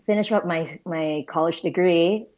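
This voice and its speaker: A Malaysian woman in her thirties, a visual storyteller appearing as a guest, talks casually and thoughtfully about her path in a conversational interview, adding self-deprecating asides. Her voice is on the low side and her pace normal, with a crowd in the background and a dull lo-fi sound.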